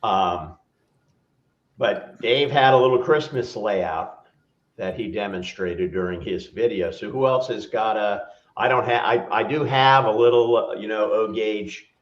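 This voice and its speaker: Laid-back guy rambling on a video call, lowish voice, echoey room, kinda muffled. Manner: rambling, easygoing, self-deprecating. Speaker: regular panelist on a livestream. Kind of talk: casual chat. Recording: roomy, dull lo-fi call audio.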